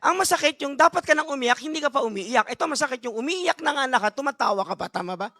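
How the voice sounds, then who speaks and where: A man's voice: extremely high pitch, animated, fast talker, bright, forceful tone, no echo, studio quality. A man preaching a sermon as a bishop, switching between Tagalog and English, stressing his points, asking the congregation questions and calling for amens, with joking asides. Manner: emphatic, asks the crowd rhetorical questions and calls for amens.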